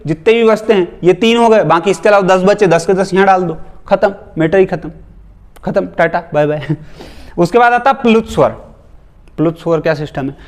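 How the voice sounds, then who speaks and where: A man teaching grammar in a casual exam-prep lecture, firing rhetorical questions at students and breaking off into joking, teasing asides. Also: high voice.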